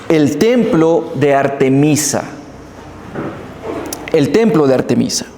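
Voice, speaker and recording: Male preacher, high and lively voice, long church-hall reverb, faint room hum. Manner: animated storytelling, addresses congregation directly. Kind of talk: sermon.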